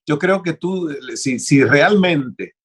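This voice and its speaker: A man's voice: on the high side, animated, slow pace, breathy edge. A man hosting an interview, asking questions and praising his guest's ideas. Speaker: interviewer host. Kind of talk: interview conversation.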